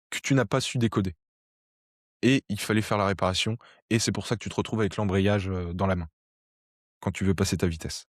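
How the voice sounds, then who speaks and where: Low-voiced man teaching, dry sound. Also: dry recording. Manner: conversational, with fillers and restarts. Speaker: sociology educator. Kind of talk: explanatory talk to camera.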